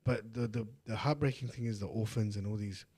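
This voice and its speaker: A man co-hosting a podcast, speaking earnestly and reflectively in casual chat, slowing down to stress his points. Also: fairly low pitch, a little mellow, breathy edge. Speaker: podcast co-host.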